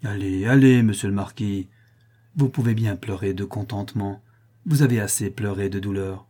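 A man's voice: lowish voice, normal speed, dark tone, slightly rough. A man reading as a doting old valet. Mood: tearful joy. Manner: fond, tearful, deferential. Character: faithful old male valet, tender and doting.

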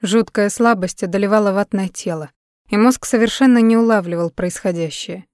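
A woman's voice: medium pitch, brisk, darkish tone, dry recording, clean studio sound. A woman narrating a dramatic novel in a scripted audiobook reading.

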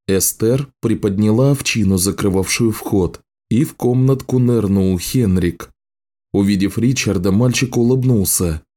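A man reading a fantasy audiobook as narrator, in a measured, even manner. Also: lowish voice. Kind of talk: scripted narration.

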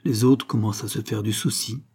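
A man's voice: lowish voice, steady tone, a little fast, a little mellow, breathy edge. A man playing a grumbling defensive site boss.

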